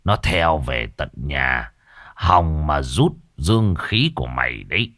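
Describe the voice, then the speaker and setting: A man voicing a greedy, smug old village exorcist who talks down in a low, slow growl. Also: big pitch swings, a bit bright, dry recording, studio quality, exaggerated voice. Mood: menacing, smug.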